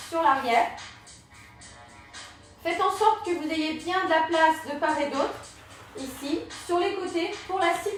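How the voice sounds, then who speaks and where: A woman instructor leading a live Pilates and yoga class, cueing breaths and movements step by step. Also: high-pitched. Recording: very echoey room, mic far off, music behind.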